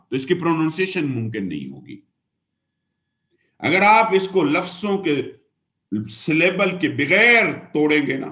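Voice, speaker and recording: This Pakistani exam-prep teacher lectures a classroom in a mid-range, slightly bright voice. Spelling words letter by letter, he mixes English into his speech and calls his pupils "dear student" and "son."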